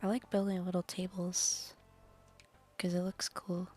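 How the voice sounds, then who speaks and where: A woman's voice: lowish voice, monotone, measured pace, darkish tone, faint music behind. A woman streaming a game, chatting casually and rambling in a loose, meandering way with the odd swear. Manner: rambling, chatty, trails off into half-whispered asides. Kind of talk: casual gameplay commentary.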